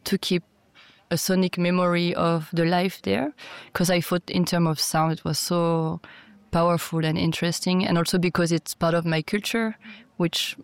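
A woman, an electronic music producer answering interview questions in a thoughtful, hesitant way with many pauses. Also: lowish voice, fairly even intonation, dry recording. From France.

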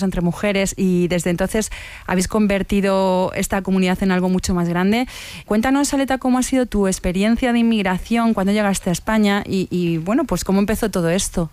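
A woman's voice: mid-range voice, darkish tone, dry recording. Woman hosting a radio interview. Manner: measured, introducing guests at length. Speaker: radio host. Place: studio.

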